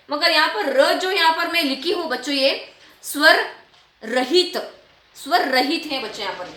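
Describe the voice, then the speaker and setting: A woman teacher explaining a writing lesson to children, repeating and stretching out example words slowly. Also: high-pitched, pushed and bright, reverberant. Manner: repetitive, drawn-out word demonstrations, addresses children often.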